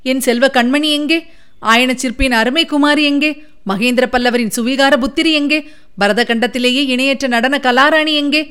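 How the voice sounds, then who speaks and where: A woman's voice: high-pitched, steady tone, moderate pace, fairly bright tone, smooth, voice pushed up. A woman voicing an elderly male sculptor, a father driven frantic by grief, wailing and pleading. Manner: frantic, wailing, sobbing pleas.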